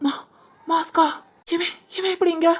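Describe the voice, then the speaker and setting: A strained, very high voice of a panicky young man, as a woman puts him on. He shrieks frantically for help. This is cartoon voice acting. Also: level tone, a little slow, faint music behind. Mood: panicked.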